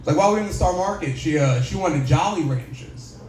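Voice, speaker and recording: A man doing a stand-up set, telling a story with laid-back, deadpan punchlines. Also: a little high, fast talker, slight background noise. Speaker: stand-up comedian. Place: comedy club stage. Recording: echoey club room.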